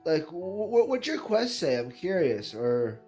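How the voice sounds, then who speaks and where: A man's voice: a little high, sing-song, measured pace, a little mellow, soft background music. A man chatting casually as a player in a tabletop game. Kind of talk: casual chat.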